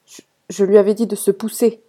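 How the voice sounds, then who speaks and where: A woman's voice: on the low side, fairly even intonation, fairly quick, warm tone, slightly rough. A woman reading the lines of a stubborn, panicky armed man in a novel, barking and then stammering. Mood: tense.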